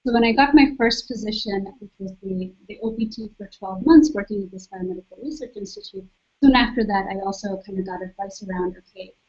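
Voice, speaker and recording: A soft-spoken young woman from Saudi Arabia, speaking as a guest and calmly explaining her own experience. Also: medium pitch, breathy edge. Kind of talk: webcast talk. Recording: dull lo-fi webcast audio.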